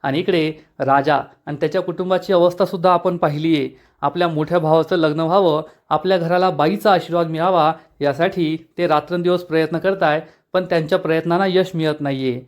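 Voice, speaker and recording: A man's voice: a little high, steady tone, fairly quick, hardly any pauses. A man giving a chatty, enthusiastic recap and review of a soap episode.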